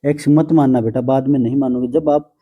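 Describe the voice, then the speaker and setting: A man's voice: mid-range voice, fairly even intonation, a little fast, narrow, tinny audio. A man teaching a math lesson to students, patient and coaxing, often calling them "beta" and teasing them a little.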